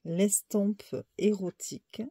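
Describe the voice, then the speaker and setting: A woman who reads oracle cards, slowly listing the card names one by one and unsure how to say some of them. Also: medium pitch, steady tone, mellow, husky, dry recording, studio quality. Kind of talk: slow card-deck walkthrough.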